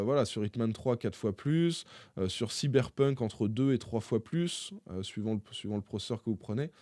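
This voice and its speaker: A man presenting tech news to his viewers in a casual, chatty way, often pausing on fillers as he talks. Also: mid-range voice, warm tone, no room sound, clean studio sound. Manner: chatty, hesitant, frequent filler pauses; addresses viewers directly. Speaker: tech YouTuber.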